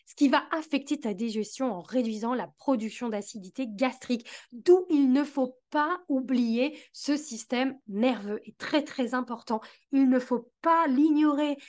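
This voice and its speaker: A woman's voice: high-pitched, darkish tone. A woman hosting a solo educational podcast, earnestly explaining things and speaking directly to the listener. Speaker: podcast host, digestive health specialist.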